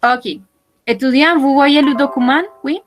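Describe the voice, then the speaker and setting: Female language teacher, slightly high, unhurried delivery, patient and encouraging, video-call sound. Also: a little hiss or hum. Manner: patient, repeats and checks in with students. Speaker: French teacher. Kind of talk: online language class.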